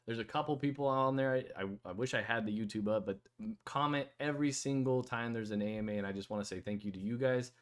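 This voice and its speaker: A man's voice: mid-range voice, quick pace. A man hosting a casual online voice chat, talking loosely with many fillers and restarts. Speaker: host of a community AMA.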